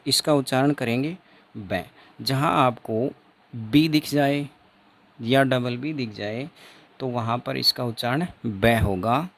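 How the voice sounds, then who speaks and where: A man's voice: mid-range voice, fairly bright tone. A man teaching an exam-prep phonetics lesson, repeating each sound and example several times.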